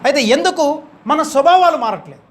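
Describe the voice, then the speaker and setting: A man preaching a sermon in a high voice at a quick clip. He drives his points home with emphatic rising questions to the congregation. Faint room ambience sits behind him. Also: expressive, slight background noise.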